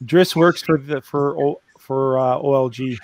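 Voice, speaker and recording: A man's voice: mid-range voice, steady tone, unhurried, a crowd in the background. Casual man in group chat.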